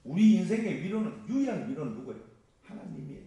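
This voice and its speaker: A male pastor with a Gyeongsang accent preaching a sermon, animated and joking directly with the congregation. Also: a little high, fast, vocal fry. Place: church sanctuary. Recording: echoey church hall from far off.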